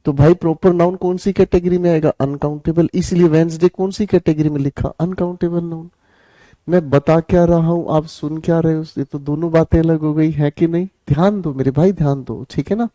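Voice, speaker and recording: A man's voice: on the high side, steady tone, a little fast, warm tone, dry recording. A male teacher leading a live online grammar class, coaxing students and repeating his questions, then answering them himself with playful scolding.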